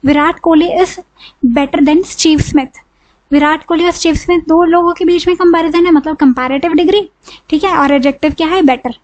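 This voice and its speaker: A woman with an Indian accent and an extremely high voice teaches a grammar lesson at a brisk, steady pace. She explains step by step, asking questions and answering them herself, and often says "ठीक है".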